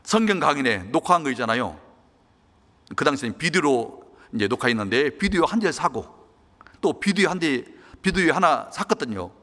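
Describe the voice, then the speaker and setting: Earnest pastor preaching in a reverberant hall. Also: male voice, on the high side, big pitch swings, moderate pace, bright, forceful tone. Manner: earnest, emotional storytelling. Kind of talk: sermon with personal testimony. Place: church hall. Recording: long church-hall reverb.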